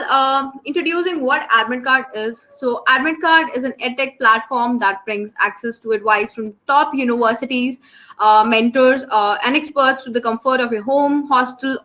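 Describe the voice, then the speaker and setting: A young woman with an Indian English accent hosts and presents a live online webinar for students. Her voice is high-pitched with a sharp tone, picked up by an online call microphone.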